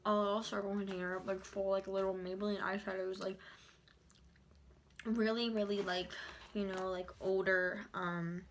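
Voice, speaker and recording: A young woman chats casually and haltingly to the camera in a rambling, informal way, chewing as she talks. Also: medium pitch, flat delivery, slight background noise. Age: young adult. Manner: chewing while talking. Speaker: YouTuber vlogger. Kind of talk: casual chat to camera during a mukbang.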